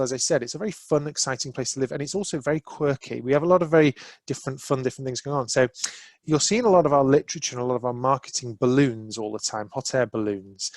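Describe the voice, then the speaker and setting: A man's voice: mid-range voice, no echo. A man giving an enthusiastic promotional talk about a university in a webinar, speaking over slides with frequent "uh" and "um" fillers. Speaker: university representative. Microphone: video call microphone.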